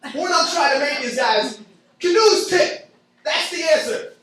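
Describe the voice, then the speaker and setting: A young man performs a stand-up set in a club before an audience, telling crude, sarcastic stories at a moderate pace in an extremely high-pitched voice. The recording is echoey, captured from far off.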